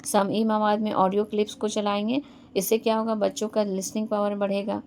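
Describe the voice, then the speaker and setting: A woman gives an exam-prep lecture in a gravelly, fairly flat voice. She keeps posing questions and answering them herself, tagging "hai na" onto her points. Faint noise sits behind her. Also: mid-range voice. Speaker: teacher.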